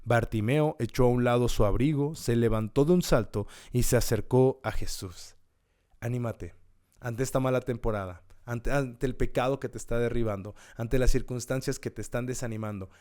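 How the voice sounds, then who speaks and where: A man's voice: mid-range voice, moderate pace, dark tone. A man hosting a podcast, giving an earnest, encouraging devotional talk and repeating key words with rising emphasis. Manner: occasional restarts and self-corrections.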